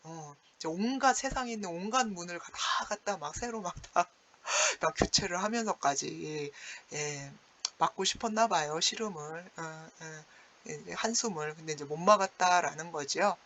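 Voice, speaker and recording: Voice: medium pitch, moderate pace, sharp tone, slight background noise. A teacher giving an online class on classical poetry, chatty and explanatory, peppering the talk with fillers and acting out lines with sighs and chuckles.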